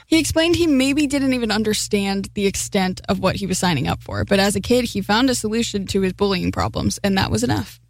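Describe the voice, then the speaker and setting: A female public radio reporter narrates a scripted news feature in a smooth, measured delivery. Her voice centers on a middle pitch but swings widely, and the studio recording is dry and close with no room sound.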